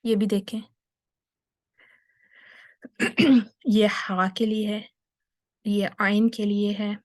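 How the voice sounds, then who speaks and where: A woman teaching Quranic letter pronunciation in an online lesson, patiently explaining step by step, mixing English terms into her talk and sounding out letters slowly. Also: medium pitch, little pitch movement, a little mellow.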